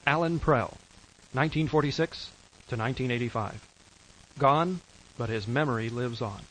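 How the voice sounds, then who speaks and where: An actor playing a grave documentary narrator, reading a scripted mock tribute. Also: male voice, mid-range voice, moderate pace, a bit bright, natural voice, rough recording.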